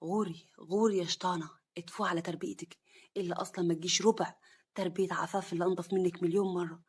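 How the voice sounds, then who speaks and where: A woman voicing an angry, regretful husband who shouts and speaks firmly, in a husky voice. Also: fairly low pitch, steady tone, rapid-fire. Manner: shouting, firm.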